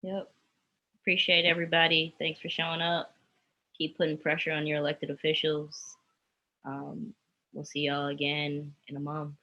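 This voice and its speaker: Woman organizer, low, bright voice, brief upbeat sign-off, lo-fi call audio. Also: little pitch movement, moderate pace.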